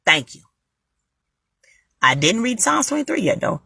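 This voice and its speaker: A woman tells a personal faith story straight to her viewers, with a bright, husky voice. Her pitch swoops up and down as she repeats lines for emphasis. The sound is dry and close, with no room echo. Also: unhurried. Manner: animated, repeats phrases for emphasis, addresses viewers as y'all. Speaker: vlogger sharing a faith testimony. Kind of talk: casual spoken testimony.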